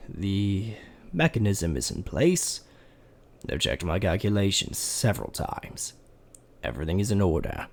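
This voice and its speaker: In a fan dub, a man voices a methodical skeleton scientist, reciting his reasoning in a deep, gravelly, exaggerated voice. The delivery is measured, steady, and assured, its pitch rising and falling as he reassures himself.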